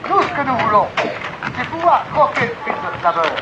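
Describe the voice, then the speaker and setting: Man as a hungry peasant, high voice. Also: big pitch swings, fairly quick. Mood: earnest, resigned. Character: weary, hungry peasant pleading for bread. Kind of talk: amateur outdoor historical pageant acting. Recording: dull outdoor recording with loud wind noise.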